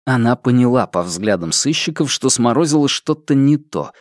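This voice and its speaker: A man narrating an audiobook in a measured, expressive storytelling manner. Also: mid-range voice, no room sound. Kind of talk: scripted narration. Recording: dry close mic.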